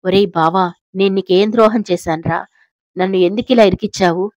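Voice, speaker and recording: A slightly hoarse woman voicing a flustered young man in an audio story, anxious and whiny. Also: medium pitch, brisk, darkish tone, no room sound, natural voice. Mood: panicky.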